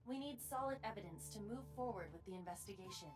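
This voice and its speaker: A woman voicing a logical, teasing, stubborn AI partner in a video game, speaking in a crisp, formal way. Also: medium pitch, expressive, quick pace, recorded from a distance, over music, lightly acted. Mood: logical, composed. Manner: crisp, formal, matter-of-fact. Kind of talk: English video game voice acting.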